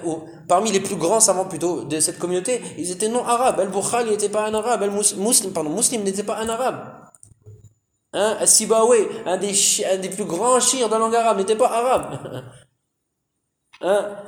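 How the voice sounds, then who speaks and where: In a lesson on Quran commentary, a male Islamic teacher addresses his audience as brothers and answers his own questions, peppering his speech with "hein" and Arabic words. His voice sits high and sounds roomy.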